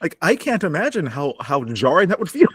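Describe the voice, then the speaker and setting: A man's voice: a little high, fairly quick, husky, no room sound, studio quality. A man co-hosting a casual podcast recap from his home basement, laughing and acting out quotes. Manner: animated, acts out quotes with laughs. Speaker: podcast co-host.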